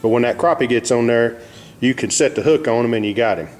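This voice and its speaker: Fast and darkish in tone, this medium-pitched male voice belongs to an Arkansas fishing vlogger from the United States. With his Southern accent, he walks through a demonstration in a folksy, plain-spoken, casual way.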